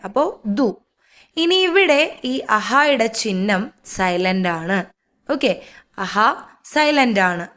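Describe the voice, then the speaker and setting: A woman takes a reading lesson at a slow, unhurried pace. Her voice sits a little high, and she breaks words into single syllables before blending them, often adding a quick check-in question. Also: a bit bright. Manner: patient, sounds out syllables one by one with tag questions. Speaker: Hindi reading teacher. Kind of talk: slow step-by-step language lesson.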